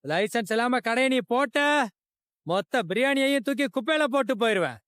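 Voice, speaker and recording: A man's voice: very high voice, expressive, fairly quick, a bit bright, clear, resonant tone, no echo. A man voicing a harsh, bossy official who bullies a street vendor in a dry-sounding drama dub. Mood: bullying. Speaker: official checking licenses.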